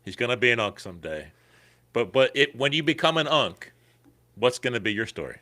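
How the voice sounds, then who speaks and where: Bright, lively male podcast host. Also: mid-range voice, a little fast. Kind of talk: casual podcast chat.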